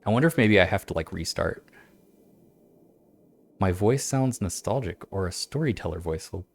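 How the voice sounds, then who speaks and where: A man streaming a game, chatting and reading old-style text aloud in a halting, stumbling way, laughing at himself. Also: low voice, expressive. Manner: self-mocking, laughs often. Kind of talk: let's-play commentary with reading aloud.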